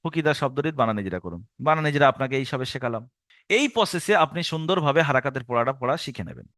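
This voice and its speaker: A man teaching Quran reading in a recorded online lesson, spelling letters out slowly and chanting the rules quickly by rote. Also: medium pitch, expressive, fairly bright tone, no echo, clean studio sound. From India.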